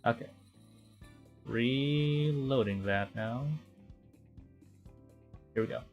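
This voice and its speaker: Soft music plays under narrow, tinny audio as a young Filipino streamer chats casually about his game in a medium-pitched voice, drawing out his words. He rambles, fixes his own mistakes along the way, and talks quietly to himself.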